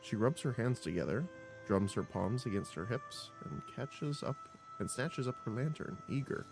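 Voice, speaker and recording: A man streaming a role-playing game, reading its text aloud with expressive narration and quick reactions. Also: mid-range voice, creaky. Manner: expressive narration broken by laughs and small exclamations. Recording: voice over game music.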